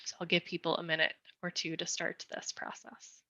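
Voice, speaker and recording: A woman leads a community meeting presentation, explaining design ideas with careful, patient steps. Her voice is bright and a little low. The sound is dry and dull, like a lo-fi video call. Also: completely flat delivery, no room sound. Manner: explanatory, careful, slowing down on request.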